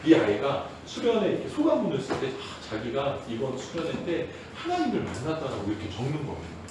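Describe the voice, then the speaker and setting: A male pastor giving a Sunday sermon, telling stories in a lively way and sometimes acting out loud, shouted prayers. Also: medium pitch, brisk, very echoey, recorded from a distance, noisy background. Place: church sanctuary.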